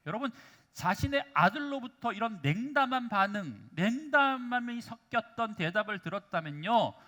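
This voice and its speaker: In a church sanctuary, a male pastor with a high, sharp-toned voice preaches a sermon. He frequently calls out to the congregation and poses rhetorical questions.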